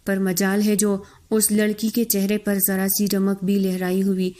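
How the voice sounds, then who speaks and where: Woman narrator, scripted audiobook reading, steady and expressive, mellow tone, mid pitch.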